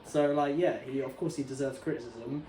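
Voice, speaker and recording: A young man co-hosting a podcast chats casually and thoughtfully, hedging his points with "like" and "you know." His voice is medium-pitched, steady, fairly quick and mellow, in a roomy recording with faint noise.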